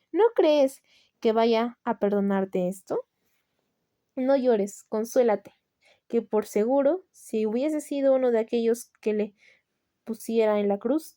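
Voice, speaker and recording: A woman with a Latin American Spanish accent voicing a kindly male friar who gently reassures a penitent in a storybook reading. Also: on the high side, dry recording, studio quality, lightly acted.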